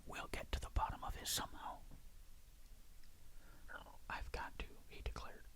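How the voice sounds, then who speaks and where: A storyteller reading a ghost story in a breathy, hushed, suspenseful whisper, in ASMR style. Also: a little slow.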